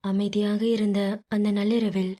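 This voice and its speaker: A woman narrating a dramatic audiobook in a measured way. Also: mid-range voice, flat delivery, dark tone.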